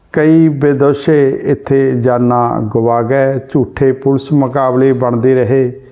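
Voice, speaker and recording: Dark-voiced man giving Punjabi news commentary. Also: mid-range voice, dull audio. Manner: measured, rephrases points with several synonyms. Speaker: news presenter.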